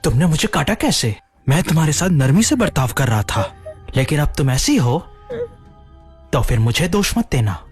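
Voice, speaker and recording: A man's voice: on the high side, sing-song, moderate pace. An actor playing an arrogant young male villain who sneers and boasts, then whimpers when beaten, in a Hindi drama dub. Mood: menacing. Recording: soft music behind the voice.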